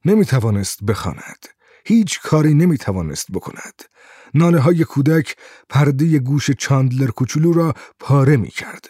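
A man reading a story aloud as an audiobook narrator in a steady, measured way. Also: medium pitch, slightly rough, no echo, clean studio sound. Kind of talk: scripted narration.

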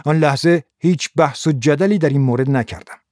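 A man reading a first-person noir novel as scripted audiobook narration in a steady, measured way. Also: on the high side, no room sound, clean studio sound.

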